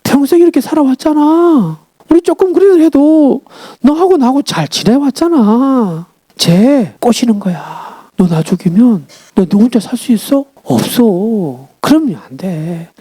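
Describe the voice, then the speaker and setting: A man voicing a small, clingy red lizard on someone's shoulder in a whispered role-play, coaxing in a hushed voice. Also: very high-pitched, expressive, a little slow, breathy edge, dry recording, studio quality, full character voice.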